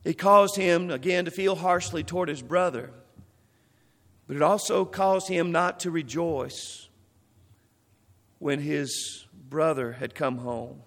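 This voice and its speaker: A man's voice: on the high side, takes it slowly, gravelly, a bit bright, long reverb tail. A man preaching a sermon. He reads scripture passages aloud and then explains them.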